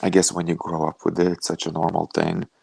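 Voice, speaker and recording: A young man from Lithuania, a fighter telling his story over a video call in a relaxed, rambling way with lots of "like". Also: deep voice, fairly quick, creaky, husky, no room sound. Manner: relaxed storytelling, many "like" fillers. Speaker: guest, professional fighter.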